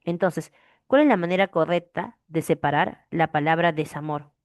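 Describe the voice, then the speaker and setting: Here a low-pitched woman teaches grammar at a moderate pace, restating important phrases and regularly asking "¿de acuerdo?" to make sure the class understands. The classroom language lesson is captured in studio quality with no echo.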